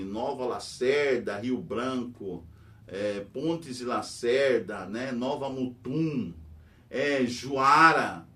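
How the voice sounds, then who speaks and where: A middle-aged Brazilian teacher hosting a news channel, rambling in casual commentary full of fillers and tag questions. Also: male voice. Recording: distant mic with faint rumble.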